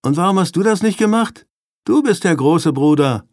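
A man's voice: fairly high pitch, animated, moderate pace, no echo, pitched above the performer's own voice. A man doing a defiant, hot-headed little boy. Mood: defiant, heated. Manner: defiant, heated. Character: hot-tempered little boy, younger brother.

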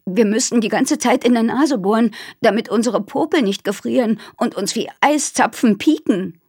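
A woman's voice: a little high, moderate pace, darkish tone, breathy edge, no echo, pitched above the performer's own voice. A woman reading aloud voices a young girl with a dry, sarcastic way of talking.

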